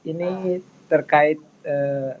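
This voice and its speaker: A man's voice: a little high, steady tone, very slow, lo-fi sound. Hesitant male student asking from the road. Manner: polite, hesitant questioning. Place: on the road, outdoors or in transit.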